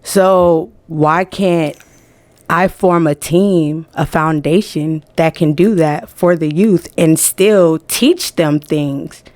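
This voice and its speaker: A woman from New Jersey and Atlanta speaks in an unhurried, lowish voice, frank and emphatic, laughing often. The sound is dry and close, with no room ring. She is a guest in a casual podcast chat. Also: a little mellow, no room sound. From born in New Jersey, raised in Atlanta. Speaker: music management guest.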